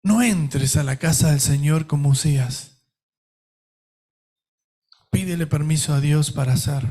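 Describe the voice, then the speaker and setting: A middle-aged Argentine pastor preaches a sermon in a fairly high voice for a man. He speaks very slowly, leaning on each phrase with emphatic pauses. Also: mellow. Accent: Argentine Spanish.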